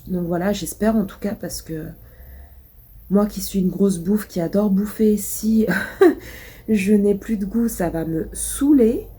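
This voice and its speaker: Speaking unhurriedly in a medium-pitched, dark voice, a woman chats in a casual vlog despite being ill. Her nose is stuffy, she coughs, and her talk wanders through many hesitations.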